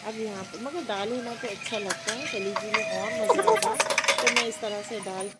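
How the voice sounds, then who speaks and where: A woman's voice: mid-range voice, lively intonation, moderate pace. A woman with a Hyderabadi accent chatting casually through a home cooking vlog, explaining each step and repeating words as she goes. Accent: Hyderabadi Hindi-Urdu. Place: home kitchen. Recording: kitchen noise behind. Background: frying and sizzling.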